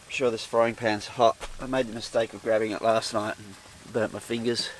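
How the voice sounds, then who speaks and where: A fairly low, flat-sounding male voice at a moderate pace belongs to an outdoor vlogger talking casually to camera from a small tent with a wood stove. He rambles in self-deprecating asides during his solo commentary, and a little hiss or hum can be heard.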